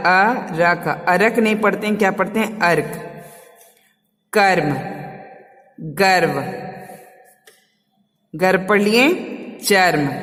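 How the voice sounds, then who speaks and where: A woman's voice: mid-range voice, big-room sound. A woman teacher giving a revision class to small children, patiently repeating words for them to say back.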